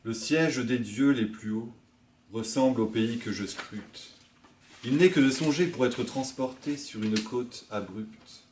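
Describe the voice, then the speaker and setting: A male librarian reading a poem aloud in a quiet, hushed, measured way. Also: mid-range voice, a little hiss or hum. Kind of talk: poetry reading.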